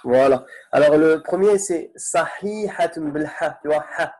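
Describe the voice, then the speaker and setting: A man's voice: on the high side, unhurried, darkish tone. A man teaching an online Arabic grammar lesson in French, explaining patiently and checking in with his students often.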